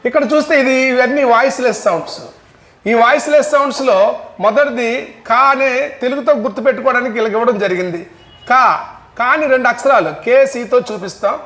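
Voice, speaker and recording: Male teacher with a very high voice, patient and methodical, drills each sound over and over. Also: fast, fairly bright tone, roomy sound. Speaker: English teacher. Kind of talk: phonetics lesson.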